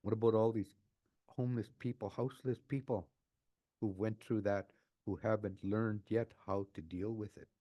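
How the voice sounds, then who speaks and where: A man in his sixties telling his own life story, unscripted and emotional, often halting and repeating words as he restarts a phrase. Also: on the low side, fairly even intonation, warm tone, no echo. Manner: emotional, earnest. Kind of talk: personal testimony, unscripted.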